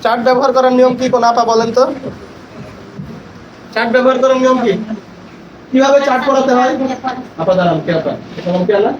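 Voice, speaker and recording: Male teacher trainer with a high voice, quizzes the room, spells words letter by letter, echoey hall with noise. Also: brisk, pauses often, dull audio. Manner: questioning, instructive, spells words aloud.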